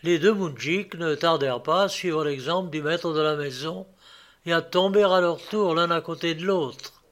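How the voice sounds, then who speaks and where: A man narrating an audiobook in a steady, measured storytelling manner. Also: on the high side. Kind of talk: audiobook reading.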